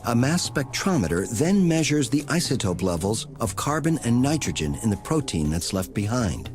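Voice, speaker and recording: A male narrator delivers scripted nature documentary storytelling in a dramatic way. His intonation swings expressively, and music plays clearly beneath his voice. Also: medium pitch, sing-song, normal speed. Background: music under the voice.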